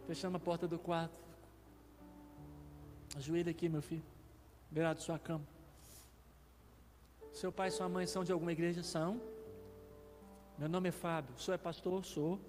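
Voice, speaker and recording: A man's voice: fairly high pitch, flat delivery, moderate pace, long pauses, a little mellow, big-room sound, faint music behind. A male pastor with a Brazilian Portuguese accent, telling a testimony in a sermon, with emotional swells. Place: church.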